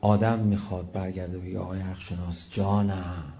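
A man preaching a sermon, telling stories and shifting between loud exclamations and quiet asides. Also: sits low, level tone, dull audio, slight background noise. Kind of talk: religious sermon with storytelling.

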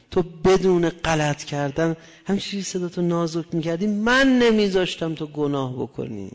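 A man preaching a religious sermon, shifting between hushed murmurs and loud impassioned cries. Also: sits high, gravelly, long reverb tail.

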